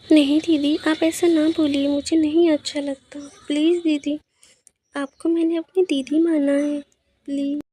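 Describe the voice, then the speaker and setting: A woman's voice: high voice, flat delivery, a little slow, mellow. A woman voicing a polite, devout young daughter-in-law in a cartoon story. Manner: polite, pleading.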